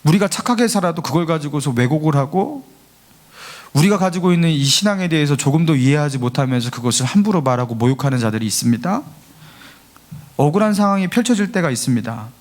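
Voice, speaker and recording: Preaching in a church sanctuary, a pastor speaks fast with a fairly high, darkish voice and lively intonation. His Sunday sermon is earnest and pleading; he acts out the taunts of scoffers and rises to fervent emphasis.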